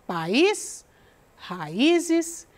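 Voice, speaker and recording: A woman teacher gives a lesson. She talks slowly and deliberately and checks in with the student as she goes. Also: high voice, big pitch swings. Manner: slow, deliberate, reads the text aloud and asks the student questions. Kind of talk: recorded remote lesson.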